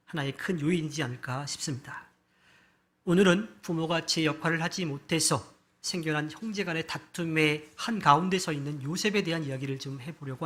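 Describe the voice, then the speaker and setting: A male pastor gives a Sunday sermon in a church hall, his voice fairly high and notably bright. He tells stories conversationally, changing his loudness and pace as he goes. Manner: storytelling with shifts of loudness and pace.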